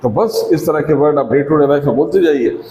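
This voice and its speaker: A man's voice: on the high side, a little fast, mellow, a little hiss or hum. Indian-accented man, English teacher, step-by-step lesson, echoey hall recording. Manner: explains step by step, often asks "is it clear?". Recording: echoey room with long reverb.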